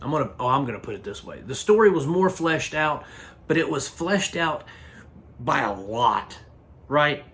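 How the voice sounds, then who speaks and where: Guy doing a laid-back movie review, kinda high voice, blunt, keeps restarting sentences. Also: sing-song, normal speed, fairly bright tone. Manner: blunt, rambling, frequent restarts. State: hiccups. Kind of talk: casual review monologue.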